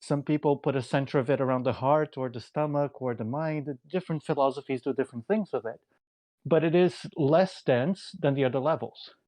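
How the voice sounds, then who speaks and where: A man on an online call, explaining ideas in a measured, lecturing way. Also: mid-range voice, warm tone, dry recording. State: out of breath. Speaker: community member. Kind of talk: explanatory discussion. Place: remote call.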